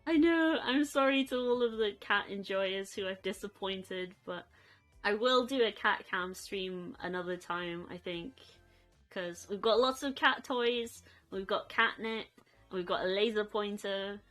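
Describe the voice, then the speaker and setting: Young woman, casual stream chat, soft rambling talk, faint music behind. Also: mid-range voice, unhurried. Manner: chatty, soft and rambling, cooing at her pets. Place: bedroom.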